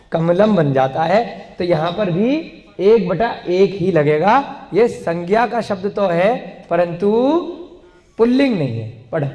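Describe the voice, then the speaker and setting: A man's voice: high voice, darkish tone. A male teacher giving a grammar lesson to a class, patiently putting questions to his students and dictating what they should write. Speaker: language teacher. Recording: long classroom reverb.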